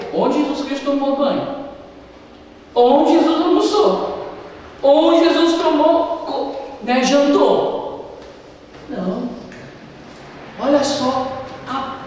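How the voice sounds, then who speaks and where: A man preaching a sermon in an animated, conversational way, often addressing listeners as beloved. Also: very high-pitched. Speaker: pastor. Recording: echoey hall from far off with faint noise.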